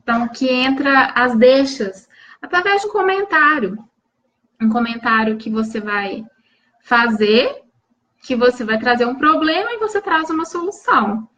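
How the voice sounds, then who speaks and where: A woman's voice: sits high, expressive, normal speed, pushed and bright, rough recording. A woman from Brazil hosting a live stream, coaching viewers in an earnest, restarting way and answering them by name.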